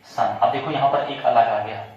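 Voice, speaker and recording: A man's voice: medium pitch, fairly even intonation, normal speed, a little mellow. Man teaching in an echoey classroom. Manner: quizzing pupils, spelling words out and repeating them. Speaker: English teacher. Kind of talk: classroom pronunciation lesson. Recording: echoey room, muffled sound.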